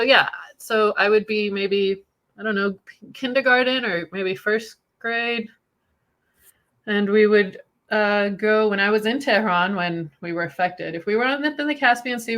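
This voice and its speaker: A woman's voice: medium pitch, normal speed, fairly bright tone. A woman in her forties from Iran, talking candidly and casually, swearing freely and laughing through hard memories. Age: 40s. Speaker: podcast host sharing her story.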